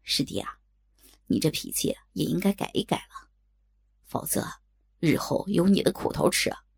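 A woman voicing a cautious, weary older male bandit who scolds his reckless junior in a lowered voice, for an audiobook. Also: very animated, moderate pace, creaky, darkish tone, breathy edge, full character voice. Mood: scolding.

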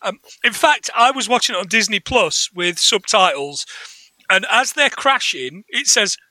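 Giggly bright-voiced man. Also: high voice, animated, a little slow, dry recording. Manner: giggly, retells scenes and quotes lines. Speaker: podcast co-host. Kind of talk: casual chat.

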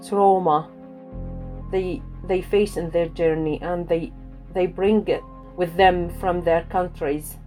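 A woman's voice: fairly low pitch, fairly even intonation, slow. A woman from Syria, giving an earnest personal testimony and searching for her words. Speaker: refugee storyteller and co-producer. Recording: loud music bed under speech.

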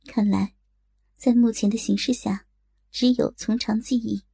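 A woman narrating a martial-arts tale in a steady, scripted audiobook delivery. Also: on the high side, a little slow, gravelly, breathy edge, no room sound, studio quality.

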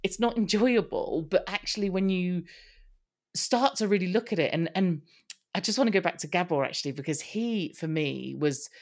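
A man talking as a podcast guest, telling personal stories in a candid, conversational way with quick bursts and frequent restarts. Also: high voice.

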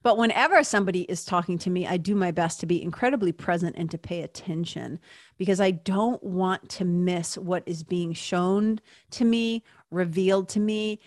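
A woman's voice: lowish voice, moderate pace, no echo. Chatty woman hosting a podcast, dry close sound. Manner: informal, conversational, emphatic repetition, checks in with listeners. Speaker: podcast host and spiritual mentor. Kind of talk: casual solo podcast talk.

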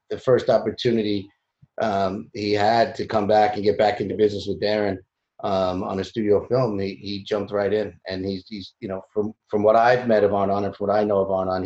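A man speaking as an interview guest in a relaxed, halting way, with many fillers. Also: fairly low pitch. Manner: halting, full of "you know" fillers. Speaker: film producer, interview guest. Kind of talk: casual interview conversation. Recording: roomy, dull lo-fi sound.

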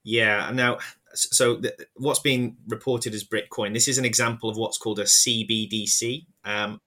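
Bright-toned man explaining finance. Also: lowish voice, fairly even intonation. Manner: measured and explanatory, with frequent hesitations and repeated words. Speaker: finance expert guest. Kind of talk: explanatory podcast interview.

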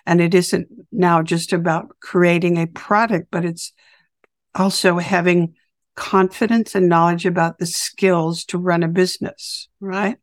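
Woman interviewer, raspy morning voice, dry sound, affirming and unhurried. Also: fairly low pitch, little pitch movement, dry recording. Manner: warm, affirming, searching for words. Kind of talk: interview conversation.

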